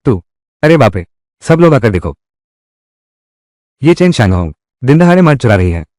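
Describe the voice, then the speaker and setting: Animated male drama dub voice. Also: mid-range voice, normal speed, no room sound, studio quality. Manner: heated, quarrelsome dialogue delivery. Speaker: dubbing voice for all roles. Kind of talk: dramatic Hindi drama dubbing.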